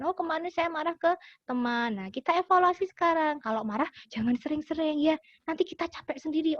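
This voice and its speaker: Animated high-voiced woman teaching children. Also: no room sound. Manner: animated, acts out example phrases. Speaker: teacher giving a lesson to schoolchildren. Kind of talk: lively classroom lesson. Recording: dull, dry lo-fi sound.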